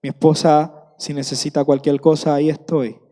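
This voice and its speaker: Male preacher, impassioned sermon, repeats phrases, mellow tone, long reverb. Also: on the high side, flat delivery, normal speed.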